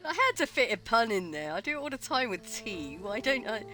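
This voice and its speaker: Woman, streamer, casual playful commentary, bright tone, animated pitch. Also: brisk, slight background noise. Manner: chatty, playful asides.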